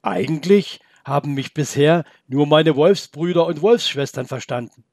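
A man voicing a calm, curious male wolf with a rough, gravelly voice, speaking slowly in a storybook reading. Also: on the high side, no echo, studio quality, close to an everyday voice.

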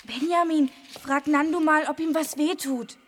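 A woman plays an eager young boy in an audio drama. The voice is high and chirpy, and it carries a long reverb. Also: fairly even intonation, moderate pace, natural voice.

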